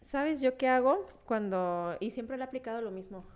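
A young woman hosting a podcast, telling anecdotes in a lively, animated way, acting out quotes and laughing often. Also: on the high side, normal speed. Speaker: podcast host. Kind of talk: casual chat.

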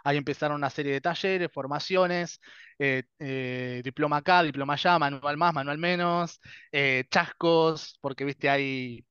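Rioplatense guy in his 30s telling stories, acts out the dialogue, bit higher voice, kinda lo-fi sound. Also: measured pace, clear, resonant tone, no room sound. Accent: Rioplatense Spanish. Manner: lively storyteller who acts out dialogues and laughs often. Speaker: guest. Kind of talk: casual interview chat.

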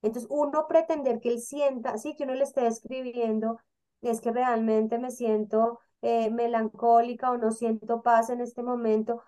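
Woman, co-host, casual panel chat, lively, acts out quotes, a bit high-pitched. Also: normal speed. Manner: animated, acts out quoted voices.

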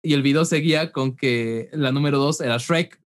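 Mexican young male co-host, loose slangy banter, average-pitched voice. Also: normal speed. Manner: slangy, says "güey" constantly. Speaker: podcast co-host. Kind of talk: casual chat.

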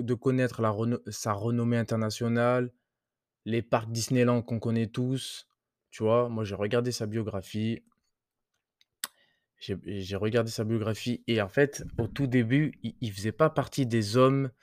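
A man's voice: medium pitch, fairly even intonation, a little slow, dry recording, studio quality. A man hosting a casual motivational podcast, talking loosely with crude slang and many hesitations. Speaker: podcast host.

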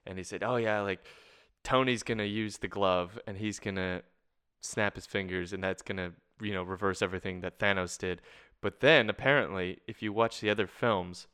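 Bright-voiced Canadian man hosting a podcast. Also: deep voice, fairly even intonation, smooth. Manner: enthusiastic, quick to laugh. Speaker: podcast host. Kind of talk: casual podcast chat.

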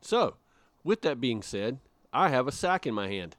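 A man's voice: mid-range voice, big pitch swings, a bit bright, a little hiss or hum. A man co-hosting a casual podcast, joking around playfully and stretching words for emphasis. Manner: jokey, playful, drawn-out emphasis. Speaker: podcast co-host.

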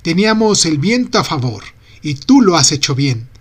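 A man reading aloud and voicing a brusque young male sailor who shouts orders and curses at the helm. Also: fairly high pitch, sing-song, moderate pace. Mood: relieved, explaining.

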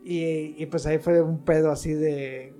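A man's voice: on the high side, steady tone, a little slow, mellow, soft background music. Laughing Mexican man spinning an anecdote. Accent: Mexican Spanish. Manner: laughing, slang-heavy anecdote telling. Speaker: podcast co-host. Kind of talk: casual chat.

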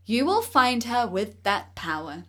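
A woman voicing a calm, curt magical talking fish in a storybook reading, answering in short matter-of-fact replies. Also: a little high, a little slow, exaggerated voice.

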